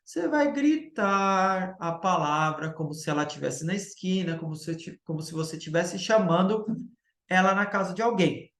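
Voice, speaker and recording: A male teacher giving a recorded grammar lecture, explaining step by step and checking in with the class through quick tag questions. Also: sits high, animated, a bit bright, echoey room.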